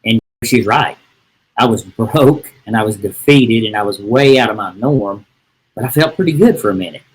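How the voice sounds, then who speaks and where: Husky-voiced man telling a story. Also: fairly low pitch, animated, moderate pace, rough recording. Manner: folksy, rambling, with many "and, uh" restarts. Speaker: real estate agent, podcast guest. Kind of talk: casual storytelling.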